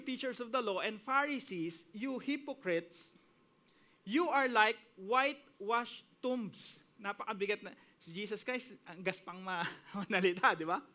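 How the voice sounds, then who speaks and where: A male pastor preaching a sermon, mixing in English phrases and reading scripture slowly with emphasis. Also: sits high, sharp tone. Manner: switches between Tagalog and English, quoting scripture with emphasis.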